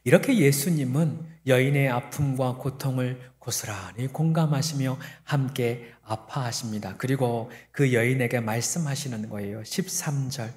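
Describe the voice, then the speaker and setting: A man preaching a sermon as pastor, swinging from quiet, storytelling passages up to loud, emphatic peaks. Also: mid-range voice, in a large hall. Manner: builds to loud emphatic peaks, then drops soft.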